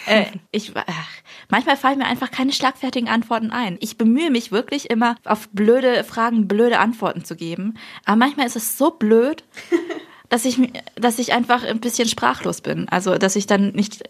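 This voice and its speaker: A young woman co-hosts a casual podcast in a husky, breathy voice. She speaks frankly and teases a little as she goes. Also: fairly high pitch, moderate pace. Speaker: podcast co-host.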